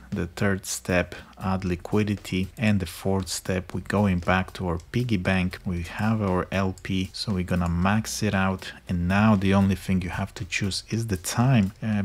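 Low, flat-voiced man explaining step by step. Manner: relaxed, step-by-step explaining with frequent fillers. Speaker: crypto tutorial host. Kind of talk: screen-recorded tutorial walkthrough.

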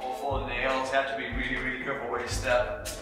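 A man's voice: mid-range voice, monotone, fast. Man, travel companion, casual marveling chat, roomy echo, music behind. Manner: enthusiastic, marveling. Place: abandoned palace, large empty stone rooms.

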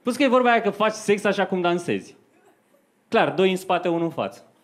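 A young man with a high-pitched, animated voice performs stand-up into a handheld microphone at a comedy club. His style is conversational storytelling aimed at a live audience, and the stage recording has faint background noise.

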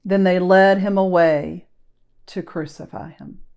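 A woman reading scripture aloud in a slow, deliberate, solemn way at a church service. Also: lowish voice, fairly even intonation, creaky, a little mellow. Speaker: scripture reader. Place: church sanctuary.

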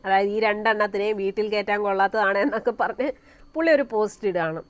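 A woman from Kerala talks straight to camera in a commentary vlog, speaking at a middle pitch. Her tone is scornful, and she presses her point with one rhetorical question after another while stopping often to fill pauses. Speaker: vlogger.

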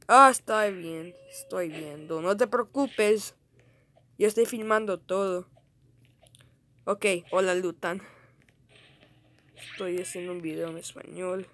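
A woman giving casual, excitable gameplay commentary, shrieking and laughing at in-game deaths and dropping English exclamations into her talk. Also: fairly low pitch. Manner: code-switches with English exclamations. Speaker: gaming video creator.

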